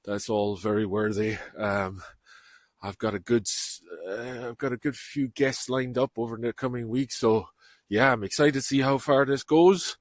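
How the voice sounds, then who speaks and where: A man's voice: medium pitch, steady tone, normal speed, no echo, studio quality. A man hosting a podcast, giving a chatty, rambling and self-deprecating outro while out on a walk. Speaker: podcast host. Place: outdoors on a walk.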